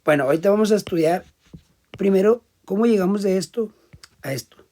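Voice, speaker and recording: Fairly quick and slightly high-voiced, a man lectures a classroom, laying out each step in turn. He frequently pauses to pose short questions to the class, and his volume jumps between loud emphasis and quiet asides.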